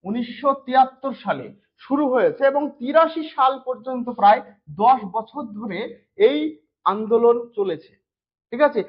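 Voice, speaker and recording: A man's voice: extremely high pitch, expressive, moderate pace, slightly rough. A man with a Bengali accent teaching an exam-prep lesson, explaining step by step and often checking in with his students. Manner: explanatory, frequent "thik ache?" check-ins and fillers. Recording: dull lo-fi sound.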